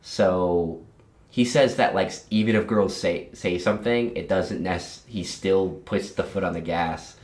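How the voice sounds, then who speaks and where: A man's voice: deep voice, unhurried, a little mellow, reverberant. A young man hosting a podcast, talking bluntly and loosely in casual chat, swearing now and then. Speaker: podcast host.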